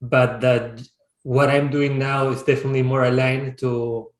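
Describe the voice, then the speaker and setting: A man in his thirties from Peru, a startup founder, answering interview questions reflectively and often pausing to restart his sentences. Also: mid-range voice, level tone. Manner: reflective, searching for words with frequent restarts. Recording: roomy, echoey sound.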